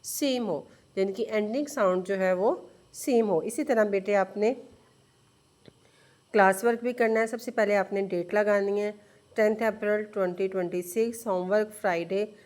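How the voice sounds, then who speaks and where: A woman's voice: medium pitch, moderate pace, a little mellow. A woman teacher giving an online English lesson to young students. She explains patiently, often asks questions, repeats words, and mixes Urdu-Hindi with English words.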